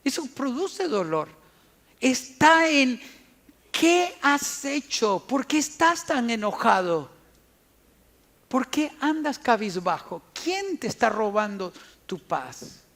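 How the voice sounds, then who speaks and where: A man giving a sermon-style talk on family and forgiveness, an animated storyteller who repeats words for emphasis. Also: extremely high pitch, slow. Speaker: family counselor and speaker.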